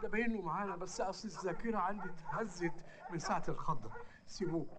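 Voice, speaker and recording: An actor playing an excitable, fawning man in a comedy film, with an Egyptian accent. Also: high voice, fast talker, a loud crowd, lightly acted.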